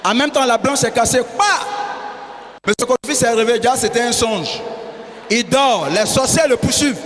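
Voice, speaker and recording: A male stand-up comedian, performing on stage with animated bursts and many put-on voices. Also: extremely high pitch, moderate pace. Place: large venue on stage. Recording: hall echo with faint crowd ambience.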